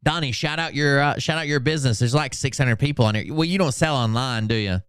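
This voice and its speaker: Recorded dry in studio quality, a livestream host with a medium-pitched, fairly bright, clear and resonant voice talks fast. He makes sweary, sarcastic fun of social media posts in casual chat, delivering the posts themselves in mock-dramatic fashion.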